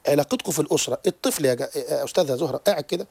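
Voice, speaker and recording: Fast-talking gravelly man. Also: a little high, no room sound. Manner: animated, rapid lecturing with frequent restarts. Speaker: therapist guest on a radio show. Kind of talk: radio interview explanation. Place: radio studio.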